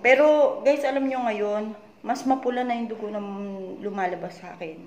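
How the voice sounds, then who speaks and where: Woman from the Philippines, confiding vlogger, subdued low voice, roomy echo. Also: normal speed, darkish tone, lo-fi sound. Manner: retells conversations, repeatedly tagging them with "she said"; worried, confiding tone. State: voice low and weak. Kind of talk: personal story-time vlog. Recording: echoey room with faint background noise.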